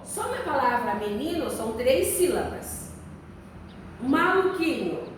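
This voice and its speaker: Slow-talking teacher woman, lively high voice. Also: far from the mic, slight background noise. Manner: slow, patient, repeats words for young children. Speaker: primary school teacher. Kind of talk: recorded remote class lesson. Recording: very echoey room, voice away from the mic.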